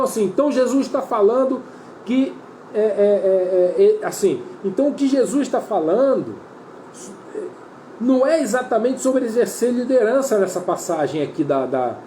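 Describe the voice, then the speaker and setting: A man's voice: high voice, warm tone, slight background noise. A man preaching a sermon with a Brazilian Portuguese accent, earnest and repetitive, often calling his listeners brother. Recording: roomy echo with faint ambience.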